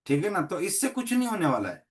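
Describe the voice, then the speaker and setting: Middle-aged man with a Gujarati accent, trainer type; motivational talk, storytelling, slightly high voice. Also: wildly swooping pitch, brisk. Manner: storytelling, acts out dialogues in many voices. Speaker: network marketing trainer. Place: meeting hall.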